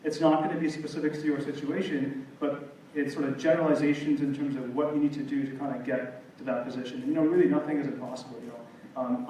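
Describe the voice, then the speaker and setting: A man's voice: mid-range voice, warm tone. A man speaking on a seminar panel in a loose way, full of "you know". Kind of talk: seminar talk. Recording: echoey room, far from mic, faint noise.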